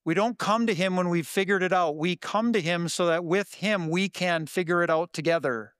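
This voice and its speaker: A man preaching a sermon in an earnest, conversational way, his voice sometimes jumping up with excitement. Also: high voice, moderate pace, clean tone, no room sound, clean studio sound. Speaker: pastor.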